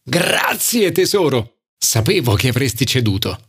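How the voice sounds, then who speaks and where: A man's voice: medium pitch, very animated, unhurried, a bit bright, husky, heavily acted. A man voicing a confident, persuasive young professional woman in an audiobook. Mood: cheerful. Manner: coaxing, upbeat, persuasive. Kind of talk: audiobook character voice.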